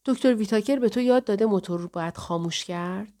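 A woman's voice: medium pitch, warm tone, close to an everyday voice. Woman doing a grumpy guarded caretaker lady, short clipped lines, audiobook. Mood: curt. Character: curt, suspicious female caretaker.

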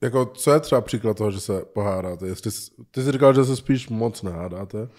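A man's voice: on the low side, a little mellow. A man co-hosting a casual podcast chat, asking questions and making blunt, chatty remarks.

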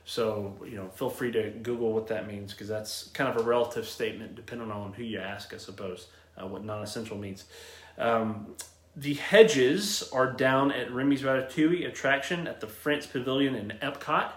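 A man's voice: medium pitch, moderate pace, a bit bright, echoey room. A man in his late thirties, a travel agent hosting a casual solo show, chatty and upbeat with many fillers and restarts. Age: 30s. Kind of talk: casual solo livestream talk.

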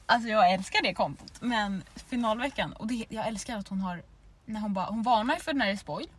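A woman's voice: medium pitch, a bit bright, slightly rough, far from the mic. An eighteen-year-old woman from Sweden co-hosting a podcast in giggly, rambling casual chat. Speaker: podcast co-host.

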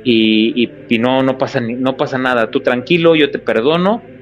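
A man retelling a calm, forgiving pastor. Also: medium pitch, moderate pace, soft background music, close to an everyday voice. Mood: resigned. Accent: Mexican. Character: calm forgiving male pastor facing a gunman. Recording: slightly muffled radio recording.

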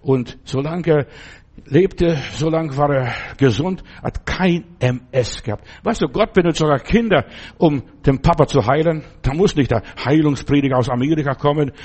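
Husky-voiced man preaching informally. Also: mid-range voice, moderate pace, darkish tone. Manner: conversational, keeps asking "verstehst du?"; addresses the listener directly as a friend. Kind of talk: informal sermon with personal stories.

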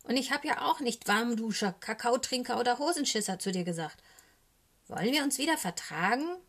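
A woman voicing a cheeky little boy raven in a storybook reading, high and excitable. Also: a little fast. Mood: eager. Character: cheeky small boy raven, bold yet easily scared.

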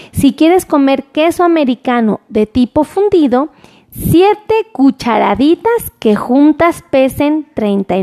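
A nutrition livestream host talks to her viewers, going through a list of portions and pausing to greet commenters by name. She repeatedly returns to asking people to share, and her voice is high-pitched with a dark tone.

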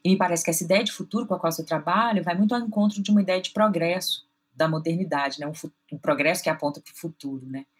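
A woman's voice: fairly low pitch, fast, hardly any pauses, slight background noise. A woman hosting a podcast, asking long, considered interview questions. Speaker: podcast host.

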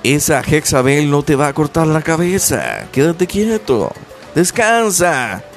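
A man putting on the voice of God as a calm, gentle, fatherly figure who speaks slowly and soothingly. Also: a little high, soft background music. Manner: soothing, slow, reassuring.

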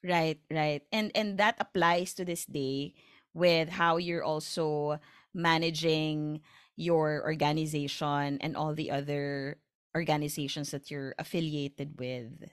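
Host: Filipino-accented woman, lowish voice, playful and chatty, dry close sound. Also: fairly even intonation, takes it slowly, clear, resonant tone, no echo. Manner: chatty, playful, code-switching. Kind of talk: conversational interview.

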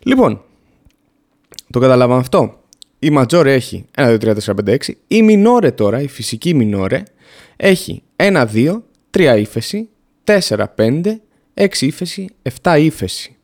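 A man's voice: medium pitch, big pitch swings, a little mellow. A man teaching music theory in a casual podcast lesson, explaining in a plain, down-to-earth way and counting off notes and steps.

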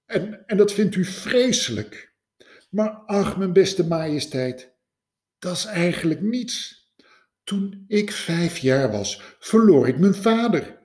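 Whiny high scholar, played by a man, self-pitying, plaintive, storybook tale. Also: darkish tone. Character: pitiful male scholar with a tragic past.

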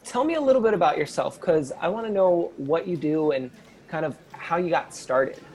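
Hosting an entrepreneurship podcast, a man opens the show and interviews his guest in an upbeat, conversational way, offering encouragement. His fairly high voice has lively intonation and a darkish tone at a normal pace.

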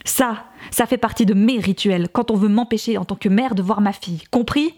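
A woman's voice: mid-range voice, normal speed, a little mellow, close to an everyday voice. A woman reading aloud voices a determined mother who talks in a blunt, furious way. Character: angry determined mother, fierce.

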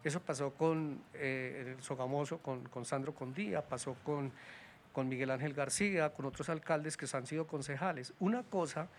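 A man's voice: on the high side, normal speed, slight background noise. Hesitant man talking politics. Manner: hesitant, many restarts and fillers, critical. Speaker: political guest. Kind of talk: casual political talk.

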